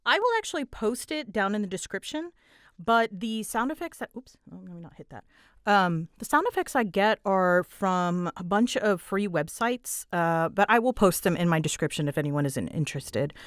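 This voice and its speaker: A voice actress hosting a show answers audience questions, her medium-pitched voice moving at a normal speed in a dry, studio-quality recording. She rambles casually to her listeners in a bouncy, dramatic, giggly way, poking fun at herself. Her delivery is animated, like a lively storyteller.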